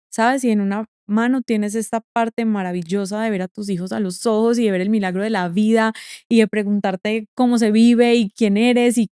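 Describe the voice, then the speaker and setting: Woman guest in her 30s, smooth clear voice, dry close sound, lively storyteller who acts out quotes. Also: medium pitch, no room sound. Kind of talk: casual interview chat.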